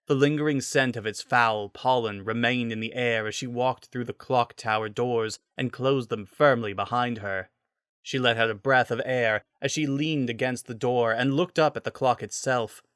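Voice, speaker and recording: A man's voice: mid-range voice, fairly even intonation, normal speed, fairly bright tone, clear, resonant tone, no room sound, clean studio sound. A man reading a scripted story as its narrator, in a dramatic style.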